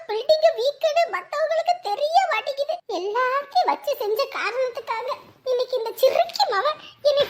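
A voice actor doing a high, wailing, self-pitying cartoon woman. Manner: wailing, self-mocking lament. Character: self-pitying woman now forced into servant work. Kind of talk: cartoon comedy monologue.

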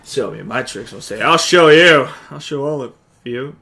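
A man commenting on his gameplay, joking and swearing, with loud outbursts. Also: medium pitch, expressive, normal speed, vocal fry. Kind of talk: let's play commentary.

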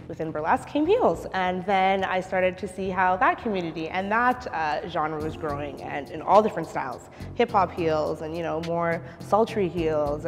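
A woman in her thirties talks in a chatty, upbeat way, with a slightly low voice. Her voice rings with a long studio reverb, and clear music plays underneath. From Canada. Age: 30s. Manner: chatty and upbeat, with light laughs and filler "like". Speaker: dancer interviewee. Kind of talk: casual interview answers. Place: dark dance studio, seated on a stool.

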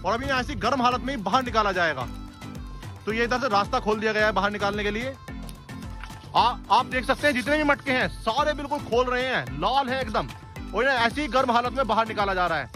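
A man's voice: extremely high pitch, brisk, music in the background. A male food vlogger touring an outdoor factory, narrating eagerly to viewers and quizzing the workers. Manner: enthusiastic, addresses viewers as guys, asks workers questions. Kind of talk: on-location factory tour narration and interviewing.

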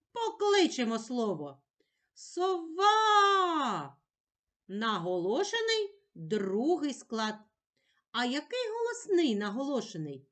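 Slow singsong teacher woman. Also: a little high, fairly bright tone. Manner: sounds words out slowly, in a patient, singsong way. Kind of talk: slow lesson for young children.

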